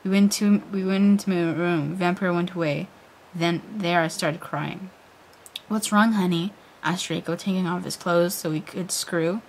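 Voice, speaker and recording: Low-voiced woman doing a dramatic reading. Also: fairly even intonation, normal speed, a little mellow, a little hiss or hum, poor audio. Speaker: reader. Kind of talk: dramatic reading of fan fiction.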